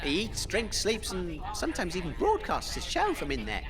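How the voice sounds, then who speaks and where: A man with a high voice and wildly swinging pitch speaks at a moderate pace, playing a pompous British wasteland radio DJ in a comedy audio drama. Boastful and self-important, he tells bragging anecdotes but gets flustered and hesitant when challenged.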